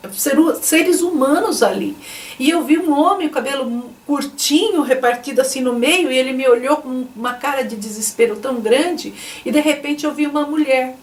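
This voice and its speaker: A woman with a high voice tells her religious testimony in an emotional, repetitive way. She sits some distance from the microphone, and the room adds a clear echo. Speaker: testimony speaker.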